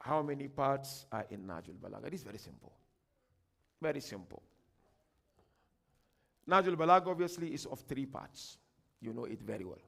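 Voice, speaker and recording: A man from Ghana with a Ghanaian accent, giving a religious workshop lecture. He declaims emphatically, reads quotations slowly and grandly, and drops into quiet asides. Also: medium pitch, big pitch swings, gravelly. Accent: Ghanaian English.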